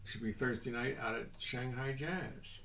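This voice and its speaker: An older man from the American South, a bassist and singer, chatting loosely and with self-mockery between folksy songs. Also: steady tone, a little slow, creaky. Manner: rambling, self-mocking, sings folksy tunes. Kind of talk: live-stream chat and song. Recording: roomy sound with loud music behind.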